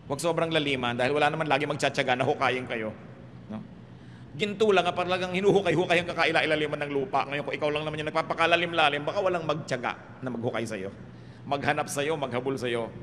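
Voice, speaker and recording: A man with a Filipino accent preaching a sermon as a pastor, animated and humorous, often tossing rhetorical questions to the congregation. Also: on the high side, fast talker, a little hiss or hum. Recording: reverberant hall, faint background ambience.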